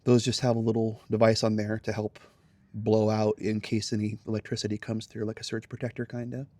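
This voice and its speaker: A male amateur radio hobbyist hosts an informal tour, going from outside a house to a garage and small radio room while explaining in plain terms. His fairly low, darkish voice is monotone and fairly quick, with no room sound.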